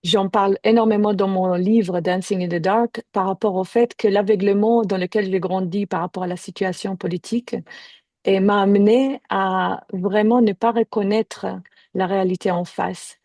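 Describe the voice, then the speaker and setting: Une femme originaire de Jaffa intervient dans un webinaire en visioconférence. Sa voix est chaude et douce, sans aucune résonance de pièce. Elle parle d'un ton posé et mesuré. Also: female voice, medium pitch, fairly even intonation, normal speed, a little mellow, dry recording. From Jaffa, Israel. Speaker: panelist. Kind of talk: webinar talk. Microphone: video call.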